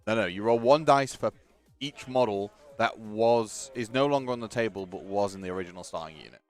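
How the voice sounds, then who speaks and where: A chatty man with a fairly low voice, commentating a tabletop game match in a loose, joking way. Faint music plays underneath. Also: brisk. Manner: chatty, joking, runs the stream tech while talking. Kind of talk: casual live-stream commentary.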